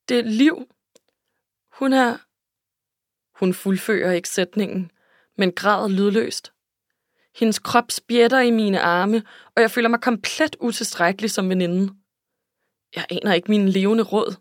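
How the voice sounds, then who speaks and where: A woman's voice: mid-range voice, no echo, studio quality. A woman reading a first-person novel aloud in an emotional, intimate way. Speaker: audiobook narrator. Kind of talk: scripted first-person narration.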